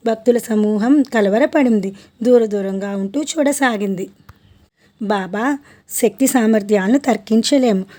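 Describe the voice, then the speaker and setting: A woman narrating a devotional story in a steady, earnest storytelling read. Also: medium pitch.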